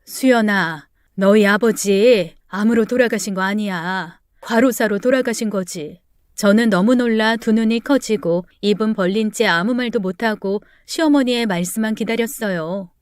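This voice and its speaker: Woman doing a steely older mother-in-law, slow and icy, crisp dry tone. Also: mid-range voice, no echo, natural voice. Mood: grave. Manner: slow, deliberate, icy delivery. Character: stern wealthy older mother-in-law, cold and cutting.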